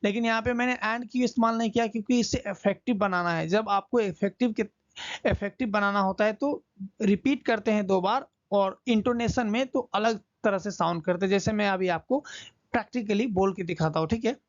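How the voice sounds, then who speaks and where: A man teaching English in Hindi, chatty and slowly repeating phrases for learners. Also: high voice, no room sound. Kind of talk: Hindi English lesson, explaining a story line by line. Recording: dull lo-fi audio.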